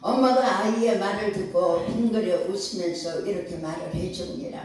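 A woman's voice: medium pitch, normal speed, a little mellow, slight background noise. Older woman pastor preaching in an echoey hall. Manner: rising preaching cadence, calling for amens. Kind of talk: sermon. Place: church sanctuary. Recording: echoey church hall, far from mic.

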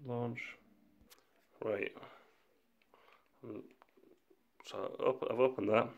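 A man with a cold talking through a screen tutorial in a monotone, laid-back way. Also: mid-range voice, very slow, lo-fi sound. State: has a cold. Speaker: tutorial maker.

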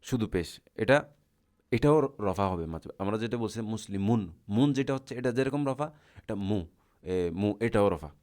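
A man's voice: lowish voice, animated, a little slow, darkish tone. A man teaching Arabic grammar in a lecture, asking the class questions and answering them himself in a patient, repetitive way.

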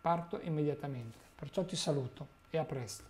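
Man voicing an old wizard, grave, cautious, warning, mellow tone, storybook reading. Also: a little high, fairly quick, lightly acted. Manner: earnest warning tone.

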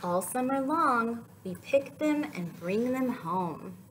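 Her voice sits a little high and she takes her time, reading to small children and talking with them in a lively, lilting way. This young adult storyteller keeps asking her listeners questions. There's a faint hiss or hum in the background.

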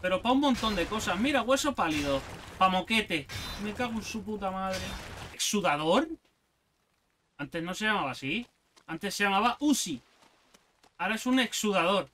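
A man giving casual gameplay commentary, excitable and sarcastic, swearing often. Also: high voice, normal speed, pauses often, a little hiss or hum. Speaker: gaming youtuber.

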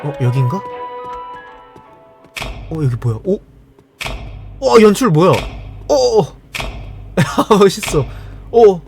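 Excitable high-pitched male gaming streamer. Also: takes it slowly, creaky, pauses often, faint music behind. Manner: excitable, repeats phrases. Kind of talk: live gameplay commentary.

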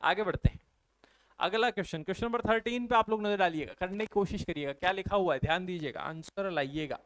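A man's voice: high-pitched, fairly bright tone, no room sound. A man teaching an exam-prep maths lesson, explaining step by step and putting questions to his viewers. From India. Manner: explains step by step, keeps asking the viewers questions and answering them.

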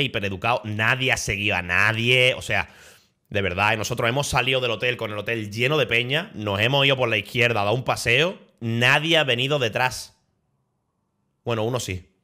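A young man with a Spain Spanish accent tells a story on his stream in a lively, swear-heavy way. He talks very quickly, and his voice has a bright, forward edge. The mood is loose, casual chat. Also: lowish voice. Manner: animated, swearing, laughing storyteller.

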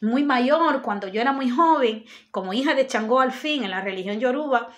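A woman's voice: fairly high pitch, animated, normal speed, a bit bright. A woman giving an earnest spiritual self-help talk, speaking straight to her viewers and repeating her points. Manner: earnest, repetitive, addresses viewers directly. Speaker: spiritual guide.

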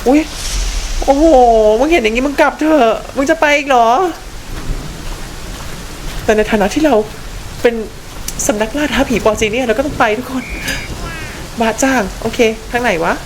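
A young woman streaming a horror game live, talking to her viewers in a chatty, excitable way, swearing freely and squealing at the scares. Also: high voice, normal speed, pauses often, noisy background.

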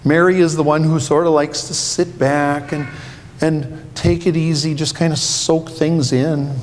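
Playful pastor talking to kids. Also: male voice, on the high side, flat delivery, unhurried. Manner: playful, asks kids questions. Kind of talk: children's sermon. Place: church sanctuary. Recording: echoey church hall, faint hum.

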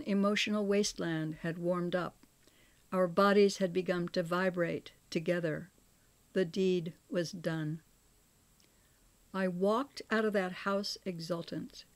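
Older female author-narrator, memoir audiobook, measured and expressive, middle pitch. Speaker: author reading her memoir.

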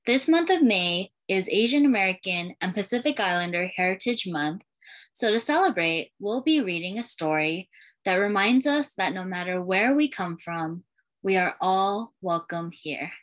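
A school librarian in her thirties reads a picture book aloud to young children in a sing-song, storytelling manner. Her mid-range voice has lively intonation and a normal pace, in a small indoor room with bookshelves and a curtain.

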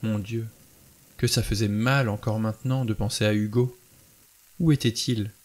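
A man calmly narrating a novel as an audiobook reader. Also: fairly low pitch, normal speed.

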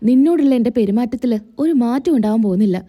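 A stern, cold young husband voiced by a woman storyteller in a serial retelling, speaking in a fairly high, dark and mellow tone with a flat, dismissive manner. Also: fast.

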